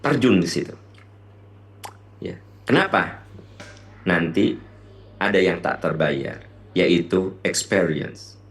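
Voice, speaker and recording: A young man lecturing fellow lecturers in a lively way, asking rhetorical questions and dropping English terms. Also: low-pitched, slow, long pauses. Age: young adult. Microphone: online session mic.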